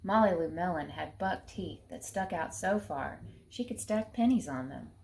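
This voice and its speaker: A woman reads a children's picture book aloud in a low voice. There is a little faint noise in the recording behind her storytelling. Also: lively intonation, moderate pace, vocal fry, darkish tone.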